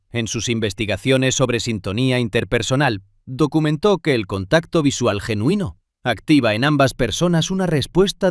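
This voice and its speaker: A man giving scripted narration in measured, short phrases with pauses. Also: mid-range voice, dry recording, studio quality.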